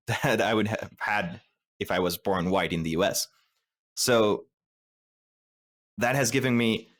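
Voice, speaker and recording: A man with a fairly low voice, co-hosting a podcast. He talks thoughtfully and hesitantly, restarting words as he works through what he wants to say. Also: fairly bright tone. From Costa Rica. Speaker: co-host. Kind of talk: podcast discussion.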